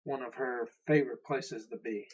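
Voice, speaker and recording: Here a young man from the Southern United States rants bluntly and profanely while hosting a reaction video, rambling as he goes. His husky voice sits at medium pitch with a steady, darkish tone and moderate pace, though the audio quality is poor.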